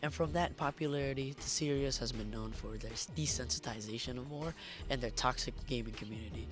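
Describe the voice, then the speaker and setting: A man reading a scripted video essay in a hoarse, strained voice that is giving out as he narrates. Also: medium pitch, a little fast. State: hoarse, losing his voice. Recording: music behind the voice. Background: background music.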